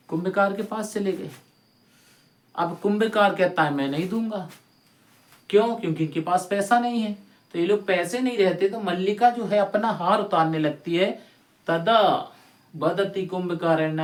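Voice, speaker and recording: High-voiced man teaching in an echoey room. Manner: sings, acts out characters, addresses students as beta. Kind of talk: storytelling lesson.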